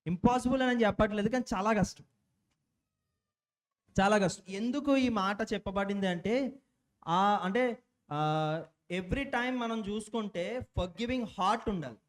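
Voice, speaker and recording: Young male lay preacher, high voice, informal delivery, mixes English into his sermon. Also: a little slow, pauses often. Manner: informal, mixing English words, restarts and self-corrections. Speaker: church speaker.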